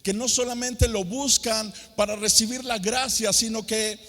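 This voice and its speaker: A man's voice: high voice, fairly even intonation, unhurried, a bit bright, soft background music. A middle-aged man from San Luis Potosí with a Mexican accent, a pastor preaching a sermon to young people with sung emphasis and rhetorical questions. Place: large hall at a youth conference. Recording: long hall reverb.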